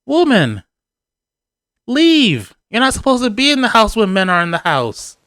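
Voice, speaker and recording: Sex: male figure, put on by a man. Figure: calm, blunt, demanding husband. Pitch: a little raised. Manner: matter-of-fact. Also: normal speed. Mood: commanding.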